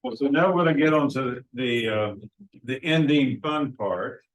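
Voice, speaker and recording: Guy with a medium-pitched voice running a meeting, casual announcements. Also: moderate pace, rough recording. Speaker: meeting host. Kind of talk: informal hosting and announcements. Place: meeting room.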